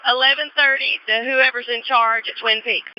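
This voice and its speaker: A woman's voice: a little high, steady tone, normal speed, no echo. A woman police officer making clipped radio calls with radio codes, heard over a two-way police radio. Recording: muffled dry radio audio.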